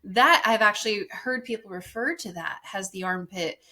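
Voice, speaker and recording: A young woman from California chatting casually as a podcast guest, talkative and quick to laugh, with lots of fillers. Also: mid-range voice, pushed and bright. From Bakersfield, California. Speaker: guest singer-songwriter.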